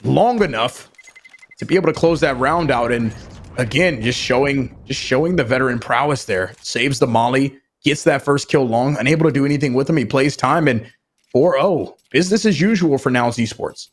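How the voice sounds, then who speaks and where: A man giving live esports commentary and analysis as a caster, in measured, halting phrases. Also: mid-range voice.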